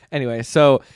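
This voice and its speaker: A man co-hosting a casual podcast chat, laughing often and teasing, his voice trailing off quietly at the ends of lines. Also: mid-range voice, smooth, dry recording, clean studio sound. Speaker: podcast co-host.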